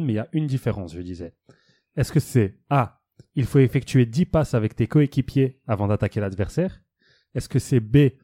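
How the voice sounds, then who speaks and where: A young man hosts a quiz segment on a casual podcast, reading multiple-choice questions with a joking edge. His voice sits at a medium pitch. The recording is dry and close, with no room sound. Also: dark tone, no echo. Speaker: podcast co-host running a quiz game.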